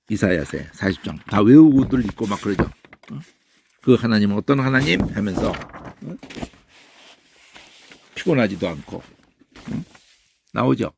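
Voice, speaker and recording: A man teaching a Bible study lecture in an animated way, who keeps tossing in questioning "eh?" tags. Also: mid-range voice, vocal fry, no room sound.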